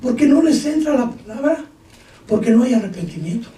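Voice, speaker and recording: Pastor preaching loud, really high voice, echoey church from far off. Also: male voice, lively intonation, brisk. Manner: preaching with sudden shouted bursts and acted-out dialogue. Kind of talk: sermon. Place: church hall. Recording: echoey hall, distant mic, faint noise.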